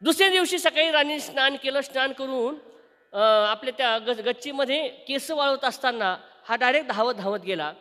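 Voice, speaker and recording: High-voiced male kirtan preacher. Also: expressive, moderate pace, sharp tone, big-room sound. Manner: rhetorical, quizzing the audience. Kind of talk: devotional sermon with sung verses and storytelling. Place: live kirtan gathering.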